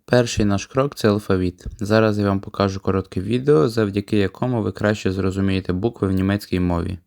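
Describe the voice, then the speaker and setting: A man teaching a language lesson on video, explaining calmly and patiently. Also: on the low side, fast, vocal fry, no echo, clean studio sound.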